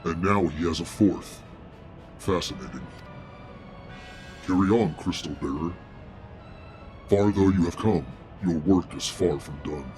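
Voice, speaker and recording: A man voicing an ominous, unhinged evil villain from a fantasy game, with a slow, menacing delivery. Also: low-pitched, a little mellow, faint music behind, voice pushed down.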